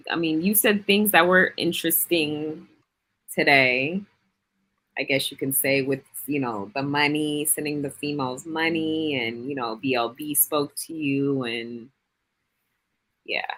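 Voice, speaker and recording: A woman's voice: low-pitched, unhurried, fairly bright tone. A woman chatting casually in a hesitant, loosely worded way. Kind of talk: casual live chat.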